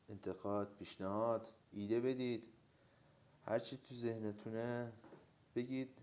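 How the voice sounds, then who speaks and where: A man with a slightly hoarse voice teaching drawing in a relaxed, step-by-step way, with frequent filler pauses. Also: fairly low pitch. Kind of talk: casual tutorial narration.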